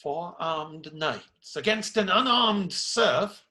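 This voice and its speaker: An actor playing a kindly, proper medieval friar in a radio play, measured, pious and a little fussy. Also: male voice, high voice, lively intonation, bright, forceful tone, exaggerated voice. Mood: thoughtful. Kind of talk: theatrical radio play acting.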